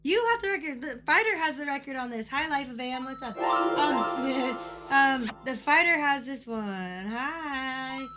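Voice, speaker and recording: A woman with a hoarse voice, chatting casually and excitably on a game stream, repeating phrases as she goes. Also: high-pitched, unhurried, loud music behind the voice. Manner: swears casually. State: hoarse from coughing. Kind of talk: casual live-stream chat.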